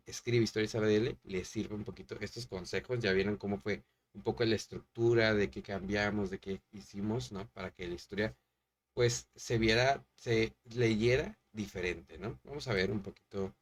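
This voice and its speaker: A man hosting a writing lesson, thinking aloud while editing a story and then reading it out, with hesitant, drawn-out words. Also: on the low side. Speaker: podcast host teaching story writing.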